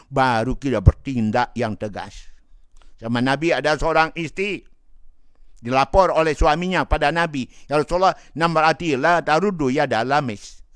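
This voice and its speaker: A man's voice: medium pitch, a bit bright, smooth, no echo, studio quality. Folksy storytelling male preacher. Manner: repetitive, folksy, with frequent "nggih" asides. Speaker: Islamic preacher answering a listener. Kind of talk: storytelling religious advice talk.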